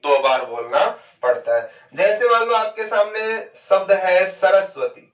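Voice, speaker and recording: Guy giving a grammar class, high voice, asks and answers his own questions, echoey room, kinda far from the mic. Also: a little slow, lo-fi sound. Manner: stretches out words to show pronunciation. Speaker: Hindi grammar teacher. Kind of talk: classroom lecture.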